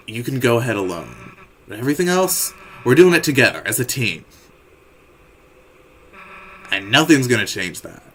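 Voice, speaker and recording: A man voicing a tough, brash female monster teen from a game, talking loud and blunt. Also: medium pitch, slight background noise, natural voice, rough recording. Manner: loud, blunt, shouting bursts.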